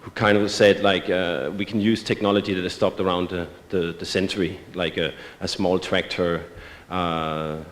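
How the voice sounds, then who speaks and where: A low-voiced man presents his art at a symposium, stopping often with filler sounds and restarts. His voice carries the long reverb of a large auditorium. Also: flat delivery, moderate pace. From Denmark. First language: Danish. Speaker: artist presenting his work. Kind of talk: symposium talk. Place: museum auditorium.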